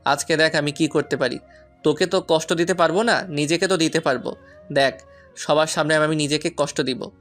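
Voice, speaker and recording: A man's voice: a little high, fairly even intonation, brisk, a bit bright, soft background music. A man voicing a rich young man, heartbroken and pleading with the woman he loves, in an audio love story. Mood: desperate. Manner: pleading, anguished.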